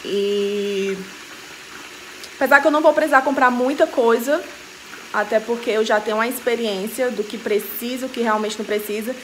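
A woman's voice: on the high side, moderate pace, a bit bright, a little hiss or hum. Chatty young woman vlogging at home. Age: young adult. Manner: chatty, talks straight to viewers. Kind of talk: casual vlog to camera. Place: home kitchen and living room, indoors. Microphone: handheld camera at arm's length.

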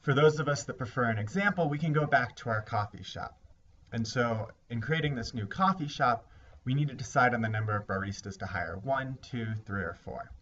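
A man teaching a recorded lesson, explaining ideas step by step in a measured way. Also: mid-range voice, fairly bright tone. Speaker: instructor. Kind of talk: recorded lecture. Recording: slightly dull lo-fi recording with faint hiss.

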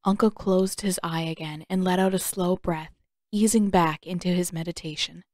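A woman's voice: on the low side, fairly even intonation, moderate pace, a little mellow, no room sound, clean studio sound. A woman reading scripted audiobook fiction as the narrator.

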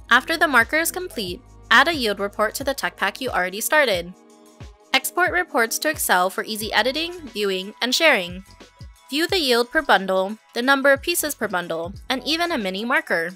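A woman narrates a promotional video in a polished, even, scripted read. Her voice sits fairly high and sounds bright and crisp, with soft music playing behind her. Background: background music.

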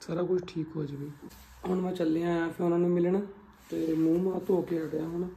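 A man talking casually to the camera in a family vlog, in a quiet, subdued way. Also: a little high, level tone, brisk, creaky. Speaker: family vlogger.

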